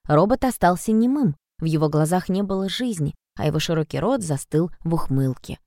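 A woman reading a children's story aloud with an even, clear delivery. Her voice sits on the low side. The recording is dry and close-miked. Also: brisk, dry recording. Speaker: narrator. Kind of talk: storybook narration.

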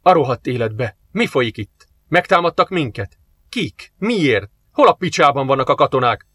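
A man voicing a gruff, foul-mouthed boss of a workshop in an audiobook, barking and swearing at his workers. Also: mid-range voice, very animated, bright, forceful tone, no echo, full character voice. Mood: panicked.

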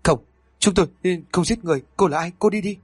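Scared crooks crying for help, a guy doing them, high shaky panicky voice. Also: lively intonation, normal speed, slightly rough, dry recording, clean studio sound. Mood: panicked. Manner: panicked pleading. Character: two terrified male criminals begging for mercy.

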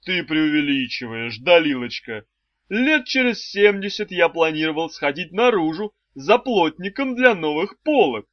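A man's voice: fairly high pitch, lively intonation, no echo. A genteel old brain-eating shopkeeper, played by a male storyteller, drawing out his syrupy politeness in a slightly raised, wheezy voice. The audiobook sound is dry and somewhat dull. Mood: doting. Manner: slow, sugary, polite.

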